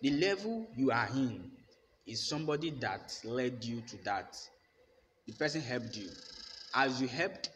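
A man's voice: mid-range voice, animated, a bit bright. A young man, a pastor, preaching a sermon to his phone camera in a bare room, with emphatic, repeated declarations. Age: young adult. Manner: emphatic, repetitive declarations, slow deliberate delivery. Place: bare indoor room with plain walls. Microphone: phone held at arm's length. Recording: phone recording with long reverb and faint room noise.

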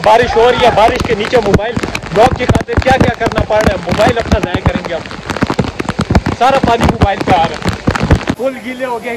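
A young man from Pakistan filming a casual travel vlog on a phone held at arm's length, chatting excitably outdoors on a trail and by a waterfall. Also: high voice, background noise. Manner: chatty, excitable, often laughing. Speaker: vlogger.

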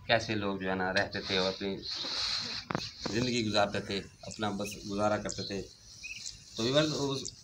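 A middle-aged man hosting a family vlog outdoors in a village courtyard, talking in a chatty, reflective way with many fillers, filmed by a camera a few meters away. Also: lowish voice. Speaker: vlog host. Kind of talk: casual family vlog talk. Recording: outdoor recording with background noise.

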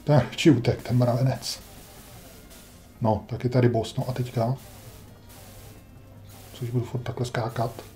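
Faint music runs under this gameplay commentator's mellow, mid-range voice, which stays fairly flat in pitch and pauses often. Playing a retro game in a casual let's-play, he mutters wry, grumbling remarks to himself.

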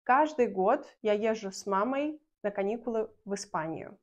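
A young woman from Belarus teaching a language lesson to camera in a small room, speaking clearly and patiently and slowing down to model example sentences. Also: mid-range voice.

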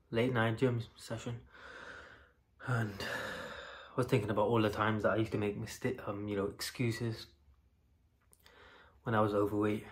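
A man, out of breath after a gym session, giving a blunt, casual motivational talk and calling his viewers "bro". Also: on the low side. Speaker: vlogger.

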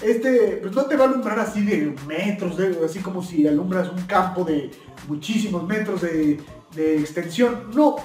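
A young man hosts a product-test vlog in a casual, chatty, folksy way, in a plain indoor room and also outdoors at night. His voice sits high with a darkish tone.

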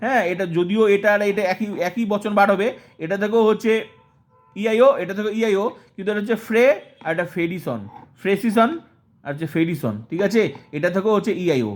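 A man's voice: high voice, fast talker. A male teacher giving an exam-prep lesson, asking questions and answering them himself, repeating terms over and over to drill them.

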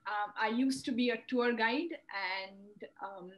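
A young woman from India, an improv performer, starting a story slowly with soft pauses over a video call. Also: a little high. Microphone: video call, laptop camera. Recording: muffled video call audio.

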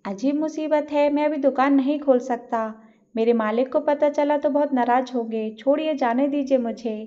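Woman doing a fretful male shopkeeper, grumbling excuses, high voice, dull lo-fi audio. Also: fairly even intonation, moderate pace, dark tone. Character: nervous middle-aged male shopkeeper, grumbling then meek. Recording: dull lo-fi recording.

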